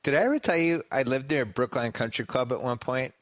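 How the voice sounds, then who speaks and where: A man's voice: mid-range voice, brisk, no room sound. A middle-aged man from Massachusetts, hosting a podcast with wry, joking banter. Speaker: podcast host. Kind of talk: casual chat.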